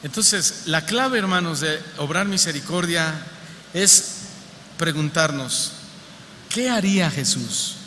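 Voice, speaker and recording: A man with a Mexico City accent preaches to his congregation, keeping it conversational and humorous and firing off rhetorical questions. His voice sits a little high and rings bright and forceful. The church hall gives it a long reverb over a faint background hum. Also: animated, slow pace. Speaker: pastor. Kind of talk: sermon.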